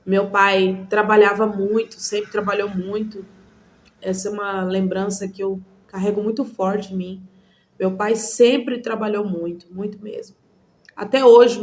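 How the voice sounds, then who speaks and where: A woman from Goiânia, Brazil, giving an earnest personal testimony to camera, speaking in measured phrases with frequent pauses. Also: mid-range voice.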